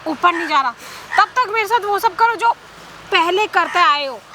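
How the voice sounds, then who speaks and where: A woman playing a scheming, domineering married aunt who taunts and threatens, scolding with rapid questions. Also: very high voice, expressive, noisy background. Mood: taunting. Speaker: actor in a short drama. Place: outdoors in a public place.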